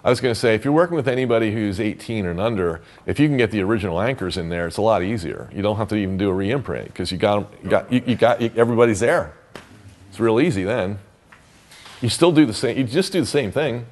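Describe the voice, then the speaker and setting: A man explains therapy methods in a relaxed, off-the-cuff teaching style. His voice sits on the lower side, and he keeps circling back with fillers and restarts as he works out his point. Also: fast talker. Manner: conversational, loose, full of fillers and restarts. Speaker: therapy trainer. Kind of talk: casual teaching talk.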